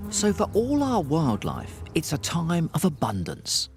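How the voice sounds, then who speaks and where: Very expressive male documentary narrator. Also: on the high side, creaky. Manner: measured, explanatory. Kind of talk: scripted narration. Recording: voice-over with music. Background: music.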